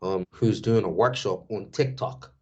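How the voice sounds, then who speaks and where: A man's voice: fairly low pitch, a little slow, husky. A Bermudian man guesting on a talk show, chatting in a loose, street-casual way. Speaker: guest, DJ and culture worker. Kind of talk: casual podcast chat. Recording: dull lo-fi sound.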